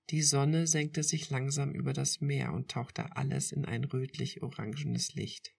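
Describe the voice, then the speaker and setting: A woman reading a first-person romance story aloud in a slow, intimate storytelling manner. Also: a bass voice, vocal fry, slightly rough. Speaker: podcast reader.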